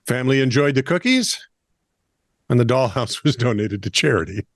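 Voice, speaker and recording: A man's voice: medium pitch, moderate pace, gravelly, no room sound, clean studio sound. A man co-hosting a comedic oddball news podcast, reading stories with wry jokes and asides. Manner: jokey, lively, reads stories with wry asides. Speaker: co-host.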